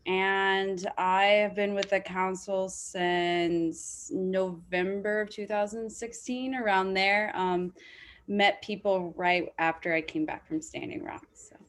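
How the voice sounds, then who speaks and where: A woman introduces herself in a friendly, unhurried way. She talks slowly on a video call. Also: mid-range voice. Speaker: board member and mentor. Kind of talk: casual self-introduction.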